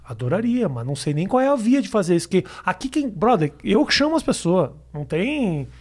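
Male host, quick and high, teasing, casual, swears. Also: big pitch swings. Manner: joking, teasing, swears a lot. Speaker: podcast host. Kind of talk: casual chat.

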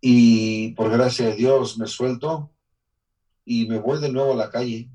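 A Mexican man with a Mexican accent recounts his life story in an interview, earnest and emotional, sometimes starting his sentences over. His medium-pitched voice is steady, a little slow, and mellow. He is far from the mic, and the audio is poor.

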